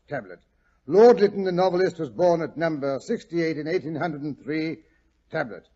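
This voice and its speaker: Genial old doctor, husky, animated. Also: male voice, on the high side. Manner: hemming, fussy, old-fashioned delivery. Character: genial, chatty old English doctor reminiscing about his detective friend. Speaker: storyteller. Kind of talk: 1940s radio acting. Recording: dull vintage 1940s radio recording.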